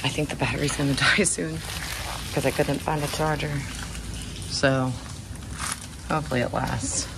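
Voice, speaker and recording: A young woman with a low, chatty voice narrates her walk through a derelict hospital. She laughs easily between remarks, and her handheld camera adds a faint background hiss. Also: fairly even intonation, moderate pace, long pauses. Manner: chatty and giggly, laughs often. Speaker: urban explorer vlogger. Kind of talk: casual vlog narration. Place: abandoned hospital building.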